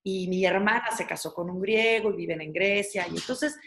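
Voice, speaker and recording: A woman's voice: mid-range voice, moderate pace, a little hiss or hum. A woman chef in her forties telling her story in a casual interview, chatty, with many fillers and restarts.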